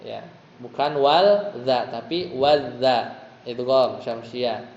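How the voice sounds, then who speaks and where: A man's voice: medium pitch, slow, a little mellow. A man with an Indonesian accent teaching a tajwid class, patiently explaining each letter and chanting verses for students to repeat. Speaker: Quran recitation teacher. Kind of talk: tajwid lesson with call-and-response chanting. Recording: dull, roomy hall recording.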